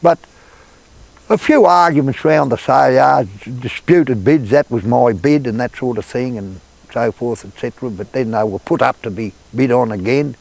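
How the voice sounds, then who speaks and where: A man's voice: mid-range voice, normal speed, vocal fry, poor audio. An older man with a rural Australian accent, recalling the past in a plain, laconic drawl. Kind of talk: oral-history reminiscence.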